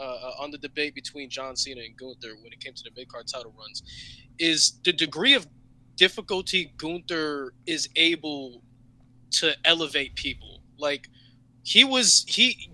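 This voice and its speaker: A man's voice: on the high side, normal speed, pushed and bright, rough recording. A man co-hosting a wrestling podcast, brash and joking, swearing freely in casual chat. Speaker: podcast co-host.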